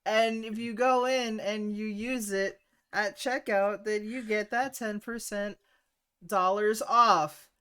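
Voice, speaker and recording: Slow-talking joking man on a livestream. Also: high-pitched, fairly even intonation, sharp tone, clean tone. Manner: joking, stumbling over the ad read. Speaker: cast member and stream host. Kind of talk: casual livestream banter and sponsor read.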